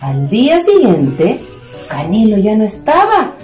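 A Chilean preschool educator telling a story to young children in an animated, sing-song way. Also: female voice, mid-range voice, measured pace. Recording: roomy room with faint music.

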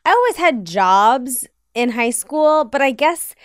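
Smooth-voiced woman hosting. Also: high voice, very animated, a little slow, no echo, studio quality. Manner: enthusiastic, reactive interjections. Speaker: podcast host. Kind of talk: casual podcast chat.

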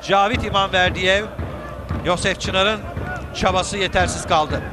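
A man's voice: sits high, a little slow, background noise. A man giving live football commentary, calling out players' names as he follows the play. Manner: calls players' names, excitable shouts at key moments.

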